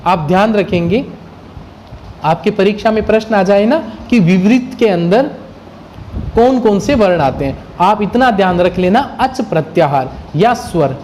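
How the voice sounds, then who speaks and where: Male grammar teacher, unhurried lecture delivery, quizzes the class and then answers himself. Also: high voice, lively intonation, darkish tone, a little hiss or hum. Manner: asks questions and answers them himself; sounds out letters one by one. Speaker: Sanskrit teacher.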